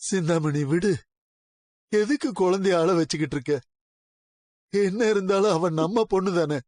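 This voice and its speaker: Actor as middle-aged ailing father, emotional, weak, fairly high voice, dry sound. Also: moderate pace, darkish tone, dry recording, lightly acted. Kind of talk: TV serial acting.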